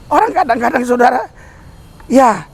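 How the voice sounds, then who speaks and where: Male street preacher, high voice, exhorting, fond of calling for hallelujahs. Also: animated, moderate pace, gravelly, slightly rough. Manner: exhorting, calls for amen and hallelujah, addresses the crowd as "saudara". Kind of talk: sermon. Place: outdoor service under a bridge.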